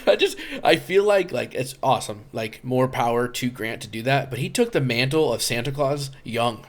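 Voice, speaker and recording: A man's voice: mid-range voice, expressive. Chatty man with a mid-range voice. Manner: chatty, full of "like" and quick interjections. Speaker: podcast co-host. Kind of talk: casual chat.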